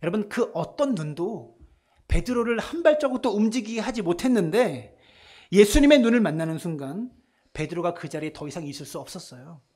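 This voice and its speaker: A male pastor preaching a Sunday sermon in a church, swinging between hushed soft lines and loud emphatic ones. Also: sits high, expressive, brisk, slightly rough. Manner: acts out voices in retelling scenes.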